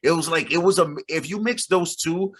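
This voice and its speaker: A man co-hosting a casual podcast over a video call, talking in animated slang with sudden exclamations. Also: a little high, normal speed, husky. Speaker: podcast co-host.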